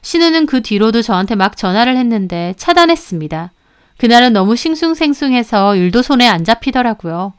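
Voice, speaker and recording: A woman's voice: fairly high pitch, big pitch swings, brisk, clean tone. Heated Korean woman story narrator. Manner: heated, emphatic. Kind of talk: story narration, first person.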